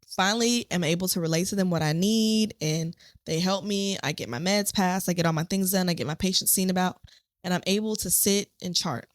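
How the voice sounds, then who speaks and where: A woman podcast host, a nurse, telling a story from a shift in a lively, animated way. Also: on the low side, dry recording, studio quality. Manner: animated storytelling, acts out quotes.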